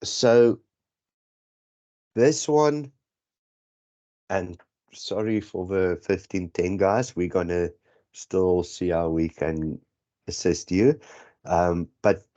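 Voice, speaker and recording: A deep, dark-toned man talks slowly and pauses often as he tutors statistics ahead of an exam. His accent is South African, his first language Afrikaans, and his rambling, self-correcting lesson comes through on dull lo-fi audio.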